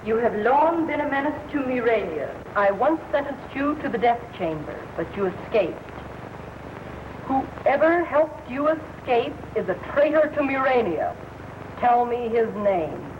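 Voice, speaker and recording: A high-voiced, imperious queen rules a lost empire in an old movie serial. She speaks formally and with menace. The soundtrack is muffled and full of noise. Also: big pitch swings, unhurried. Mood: stern interrogation. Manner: haughty, formal, commanding. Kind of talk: 1930s film serial acting.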